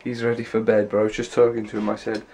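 This young adult vlogger speaks fast and monotone, his voice on the low side and darkish, while a little hiss or hum sits underneath. Stuffy-nosed and sore-throated, he rambles casually in run-on sentences, holding the camera at arm's length inside the small rooms of his house.

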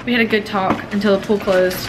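A woman's voice: mid-range voice, level tone, quick pace. A young woman chatting casually with a friend on a vlog, making short offhand remarks. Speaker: vlogger's friend. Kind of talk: casual chat. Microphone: handheld camera. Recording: noisy handheld camera audio.

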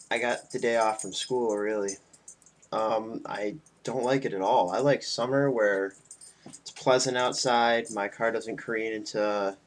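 A man in his twenties, tipsy from beer, rambling casually and loosely to his friends in a homemade webcam vlog. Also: lowish voice. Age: 20s. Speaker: video blogger. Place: small indoor room at home. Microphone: webcam mic at about arm's length. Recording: faint noise on webcam audio.

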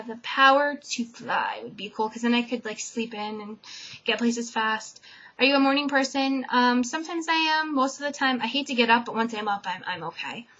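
A young woman vlogger from Connecticut, USA, with a fairly high voice, chats casually while answering a tag video's questions, using lots of "um" and letting her sentences trail off softly. She's indoors in a dim bedroom, recorded on a webcam with dull lo-fi audio.

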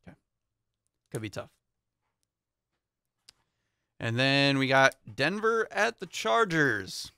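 Young man, easygoing sports podcast co-host, bright forward tone, dry studio mic. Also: medium pitch, big pitch swings, a little slow, clean tone, dry recording. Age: young adult. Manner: easygoing, reads out matchups with light laughs. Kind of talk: casual sports podcast chat. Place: small podcast studio with foam panels. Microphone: studio mic on boom arm, headphones.

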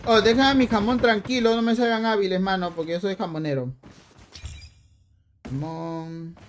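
Young guy streaming a shooter, chatty and slangy, loud gunfire and choppers behind him. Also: high-pitched, fast talker, noisy background. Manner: chatty, greets viewers by name, slangy. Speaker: game streamer. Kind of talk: casual live-stream chat while gaming. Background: gunfire and helicopters from the game.

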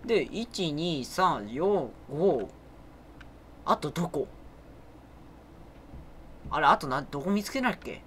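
A man commenting on his own game run, muttering plans to himself and then bursting into loud yells. His pitch swings widely between low mutters and high shouts. Keyboard clatter runs clearly underneath. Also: lively intonation, takes it slowly, pauses often. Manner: talks to himself, yells at the enemy in sudden outbursts. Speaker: game streamer. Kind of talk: let's play commentary. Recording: keyboard typing noise behind the voice.

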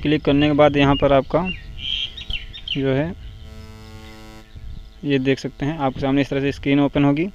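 A man's voice: medium pitch, monotone, moderate pace, pauses often, darkish tone, faint music behind. A man hosting a phone tutorial, explaining each step steadily and checking in with "theek hai" as he goes. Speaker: tech tutorial host. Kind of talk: screen-recorded phone tutorial. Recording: dull lo-fi voice-over with faint noise.

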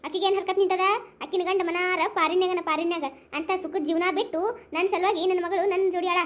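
A woman voicing a bossy old village matriarch with a North Karnataka accent who lectures in a domineering way. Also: extremely high pitch. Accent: North Karnataka Kannada.

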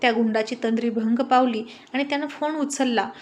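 Expressive woman narrating a story. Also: on the high side, a little fast. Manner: vivid, expressive reading.

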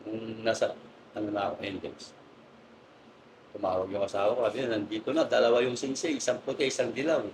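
A man's voice: lowish voice, fairly quick, slight background noise, low-quality recording. Laughing man telling pigeon-race stories. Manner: animated anecdotes, laughing often; polite, says "po" and "sir". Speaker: guest pigeon racer. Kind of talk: casual storytelling interview.

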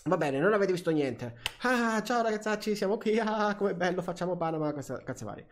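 A young Italian man commenting on his flight simulator gameplay, excitable, swearing often and talking to himself and the plane. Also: high-pitched, brisk, a little hiss or hum. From Italy. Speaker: gaming youtuber. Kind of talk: flight sim let's play commentary.

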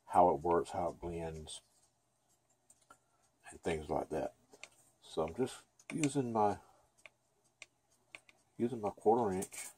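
A man's voice: low-pitched, warm tone, a little hiss or hum. A man giving a casual, chatty painting lesson at his easel, thinking aloud as he works. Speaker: painting instructor. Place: dim room at an easel.

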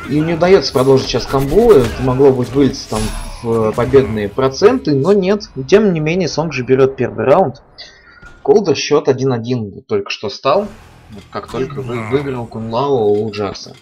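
A man's voice: mid-range voice, expressive, moderate pace, a little mellow. A man giving live commentary on a fighting game stream, as a stream commentator. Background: game music and sound.

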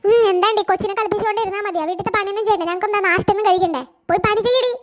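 A woman's voice: extremely high pitch, fairly even intonation, fairly quick, a little mellow, no echo. A woman voicing a harsh, bossy mother-in-law in a cartoon who scolds and barks orders. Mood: scolding. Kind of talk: cartoon voice acting.

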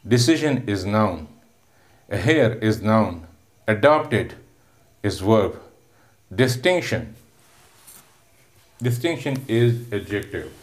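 A man teaching a recorded English lesson, going word by word with many filler pauses and slowly stretching words to sound out syllables. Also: medium pitch. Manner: patient, repetitive, explains word by word with many "uh" fillers; drawn-out syllable sounding when teaching pronunciation. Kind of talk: recorded online classroom lesson.

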